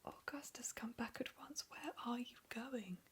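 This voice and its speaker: A woman's voice: a little high, measured pace, breathy edge, pitched above the performer's own voice. A woman in a whispered storybook reading, voicing a frantic, scolding mother.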